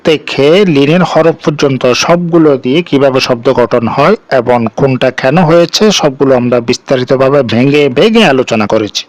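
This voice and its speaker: A man's voice: mid-range voice, a little fast, few pauses, no echo. A man teaching Quran reading, spelling out Arabic syllables one by one and drawing out each blended word in a patient chant. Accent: Bangladeshi Bengali.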